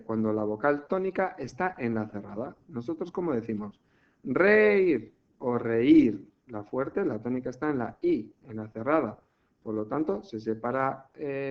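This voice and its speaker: Male teacher, patient step-by-step lesson, mid-pitched voice, slightly dull recording. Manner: patient, explains step by step, checks in often with "¿vale?". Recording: muffled lo-fi home recording.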